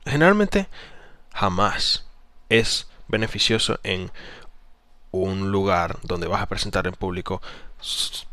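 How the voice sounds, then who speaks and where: A man with a fairly low voice teaches how intonation shapes a first impression. He talks casually and keeps demonstrating phrases with rising and then falling endings. The sound is dry and close, with no room echo. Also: slow pace, pauses often, bright, forceful tone. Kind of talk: casual spoken tutorial.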